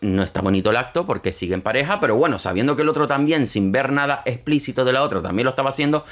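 A young man, giving opinionated, sarcastic commentary on a reality show and slipping into quick impressions of the people on it. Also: mid-range voice, lively intonation, fairly bright tone. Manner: sarcastic, opinionated, mocking asides; quick shifts into quoting others. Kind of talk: casual commentary.

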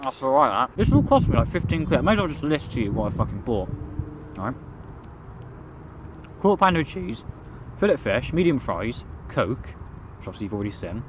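A man's voice: medium pitch, big pitch swings, brisk, long pauses. A young English man rambling crudely and swearing through a casual vlog, filming himself on a phone outdoors by a busy road. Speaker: vlogger. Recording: outdoor phone recording with traffic noise.

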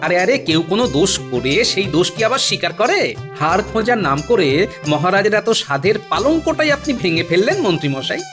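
A woman's voice: mid-range voice, very animated, fast talker, a bit bright. A woman voicing a sly, playful male court jester in a cartoon. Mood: mocking. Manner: sly, playful, feigns forgetfulness. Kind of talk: cartoon voice acting. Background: background music.

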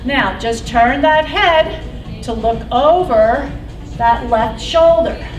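A middle-aged female aerobics instructor with a high voice cues her class with slow, deliberate instructions, upbeat and encouraging as she counts down reps aloud. She's in an indoor exercise studio with a wooden floor, recorded from a distance in a roomy space with loud workout music playing.

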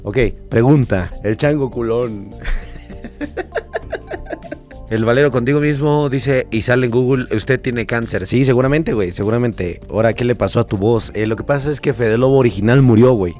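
A hoarse young man with a Mexican accent, sick with a cold, chatting casually on a live stream, reading out chat and swearing freely. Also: mid-range voice, fairly quick, a little mellow, soft background music.

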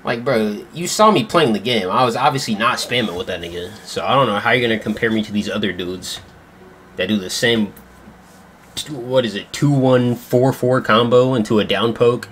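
A young man with a mid-range voice and fairly bright tone casually comments on his own video game matches at a moderate pace, sounding slangy, sarcastic, and profane, with frequent swearing. He's indoors at a gaming setup in a dim room, with game music and slight noise in the background.

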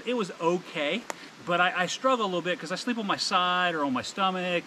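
Middle-aged male vlog host, fairly high voice, chatty and plainspoken, camp gear review, faint outdoor hiss behind. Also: fairly bright tone. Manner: chatty, plainspoken, with frequent restarts. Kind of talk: casual product review vlog. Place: outdoors in a forest campsite and inside a rooftop tent.

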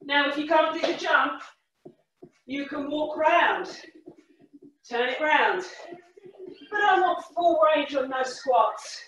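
A woman leading a workout class as a fitness instructor, calling short, energetic, encouraging cues and counts. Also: high-pitched, slow pace, pauses often, highs cut off, slight background noise. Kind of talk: live workout class coaching. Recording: echoey room, far from the mic.

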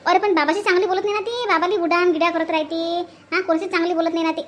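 A woman voicing a blunt married village sister in a cartoon, speaking with a Varhadi Marathi accent in a high, scolding manner. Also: fairly even intonation, quick pace. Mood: indignant. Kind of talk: cartoon voice acting.

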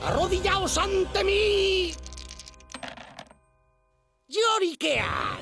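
A man's voice: extremely high pitch, creaky, heavily acted. A man playing a grandiose cartoon villain wizard, declaiming pompously with a Castilian Spanish accent.

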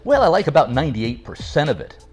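A man in his sixties giving a measured, animated explanation with wry asides, recorded seated at home. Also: on the high side, soft background music. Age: 60s. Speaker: father responding to a video. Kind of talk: scripted video response. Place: home room, seated in leather armchair.

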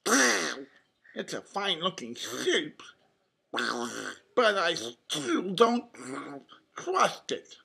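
A woman voicing a grumpy, suspicious male cartoon duck in a storybook, grumbling with drawn-out emphasis. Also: on the low side, very animated, vocal fry, sharp tone, breathy edge, exaggerated voice. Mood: wary, annoyed.

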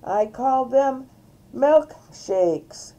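A squeaky, showy storybook cow announcing his acts like a ringmaster, as an older woman reads him aloud. The voice stays mellow and unhurried, with a lively sweep in its pitch. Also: exaggerated voice, poor audio. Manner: grand showman announcing. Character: cheerful male cow entertainer, squeaky and showy.

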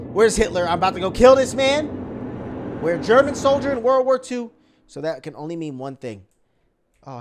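Jumpy young man with lively high voice. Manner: slangy, jumpy, talks to viewers. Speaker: gaming YouTuber. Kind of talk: horror let's play commentary.

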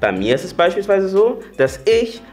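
A man's voice: high voice, very animated, moderate pace, darkish tone, faint music behind. A man in his late twenties, a singing coach, giving an upbeat, chatty YouTube singing tutorial and demonstrating different voice types as he goes. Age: late 20s.

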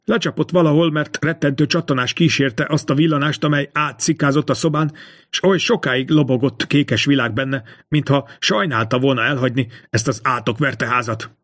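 Man reading a classic novel aloud. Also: medium pitch. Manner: measured, expressive storytelling. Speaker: audiobook reader. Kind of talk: literary audiobook narration.

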